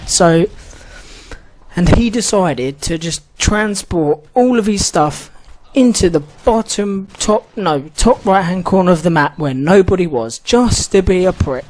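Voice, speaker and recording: A man's voice: high voice, animated, measured pace, darkish tone. A man ranting casually about an online match, swearing often and rambling with many restarts. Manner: heated, swears a lot, rambling with frequent restarts. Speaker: gaming channel host.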